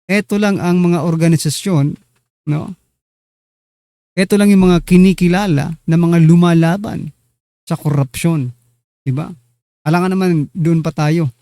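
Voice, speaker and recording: A man's voice: a little high, steady tone, a little slow, long pauses, warm tone, dry recording, studio quality. A man hosting a casual political commentary show, chatty and teasing as he talks straight to his viewers. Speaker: online news commentary host.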